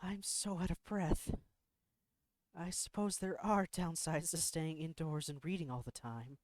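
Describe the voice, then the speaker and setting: A man voicing a shy, bookish teenage girl from a visual novel in a gentle, soft-spoken manner. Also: on the high side, fairly even intonation, a little slow, no echo, clean studio sound, natural voice. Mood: relieved. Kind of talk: reading a visual novel aloud.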